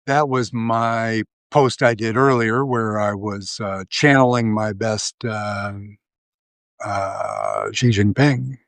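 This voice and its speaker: A man's voice: on the low side, steady tone, takes it slowly, fairly bright tone, no echo. A man hosting a live video, talking through casual commentary, rambling with lots of fillers and restarts. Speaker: livestream host.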